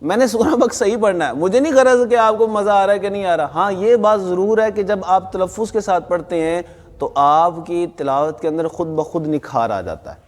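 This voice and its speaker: A man teaching a Quran recitation class to students, firm and emphatic, often putting questions to the class. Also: high-pitched. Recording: long hall reverb.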